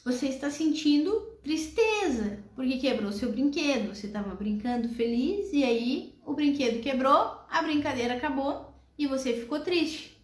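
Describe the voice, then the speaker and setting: A calm, patient mother, as a woman teacher puts her on, speaks slowly and gently. The recording has a roomy echo. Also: high-pitched. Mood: gentle. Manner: gentle, slow, naming feelings.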